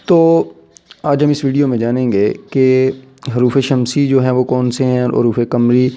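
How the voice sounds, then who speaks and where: Man slowly teaching a language lesson. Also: medium pitch, fairly even intonation, mellow, clear, resonant tone, soft background music. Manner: slow and repetitive, spelling out letters one by one. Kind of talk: spoken grammar lesson.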